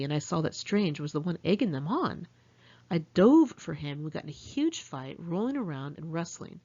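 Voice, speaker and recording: An American woman with a low, slightly mellow voice reads her own memoir aloud in the first person. Her narration is candid, conversational and salty-tongued, and the recording sounds muffled.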